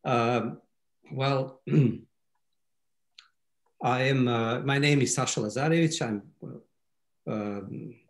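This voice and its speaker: A man's voice: mid-range voice, drawn-out words, pauses often. A man in his forties from Serbia, a native Serbian speaker, giving a webinar talk over a video call with many hesitant fillers. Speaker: guest speaker. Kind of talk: webinar presentation. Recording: roomy echo.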